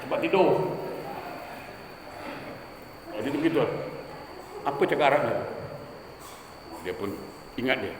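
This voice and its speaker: A man's voice: mid-range voice, animated, unhurried, long pauses, a crowd in the background. A man preaching a humorous sermon in a mosque, telling stories and acting out the people in them. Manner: storytelling, acting out quoted voices. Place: mosque hall. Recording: echoey mosque hall, faint ambience.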